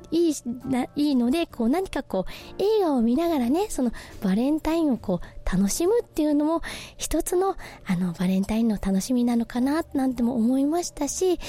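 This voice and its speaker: Chatty high-voiced woman radio host. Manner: chatty, many soft fillers. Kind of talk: casual radio talk about films.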